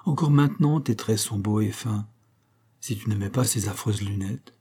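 A man voicing a gentle, pensive woman who questions her sister tenderly, in a read-aloud story. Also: fairly low pitch, moderate pace, slightly rough. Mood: gently probing. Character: aging woman, gentle, probing older sister.

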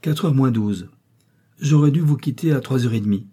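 A man's voice: mid-range voice, normal speed, warm tone, husky, voice pushed up, lightly acted. A man reading a storybook, voicing a pale, morbid male stranger who speaks with fervent insistence. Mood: hurried.

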